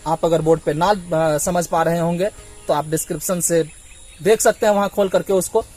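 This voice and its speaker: A man's voice: on the high side, steady tone, normal speed, a little mellow, soft background music. A man from Bihar teaching a blackboard lesson, patiently sounding out vowels and explaining them step by step. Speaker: Hindi teacher.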